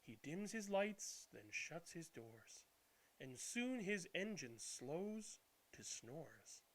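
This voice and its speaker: A man narrating a children's bedtime storybook in an expressive, deliberate way. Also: a little high. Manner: animated, deliberate reading with hushed good nights. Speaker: read-aloud channel host.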